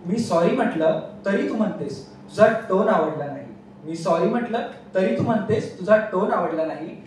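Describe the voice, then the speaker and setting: High-voiced young man in an echoey hall. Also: animated, moderate pace, darkish tone. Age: young adult. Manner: teasing, mock-exasperated delivery. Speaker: student poet. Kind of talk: humorous poem recital. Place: large echoey hall on stage. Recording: echoey hall from far off, faint noise.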